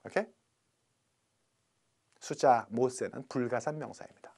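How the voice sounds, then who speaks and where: A middle-aged man teaching English vocabulary in a recorded lecture, chatty and playful, slowing down to spell out English words. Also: medium pitch, vocal fry, darkish tone, slightly rough.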